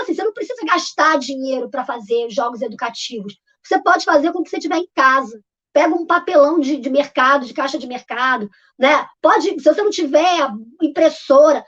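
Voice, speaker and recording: A woman's voice: sits high, a bit bright. A woman with a Brazilian Portuguese accent, a literacy teacher explaining classroom games in a live online talk, informal with many fillers and restarts. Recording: dull lo-fi audio.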